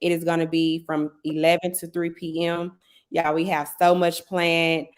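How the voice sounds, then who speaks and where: A woman's voice: sits low, flat delivery, moderate pace, clear, resonant tone. A woman hosting a casual livestream promotion, chatty and urging listeners on, repeating words for emphasis. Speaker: livestream host, event organizer. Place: remote live video stream.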